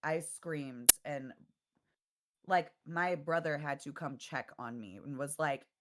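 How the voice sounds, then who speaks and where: A woman's voice: low voice, slow. A woman guest on a podcast in casual chat, blunt and profane, getting emotional about what she watches.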